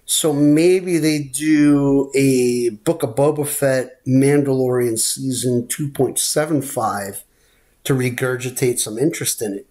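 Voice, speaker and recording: A man's voice: medium pitch, slow, dark tone. A man co-hosting a pop culture podcast, talking in a rambling, opinionated way. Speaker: podcast co-host. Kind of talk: casual chat.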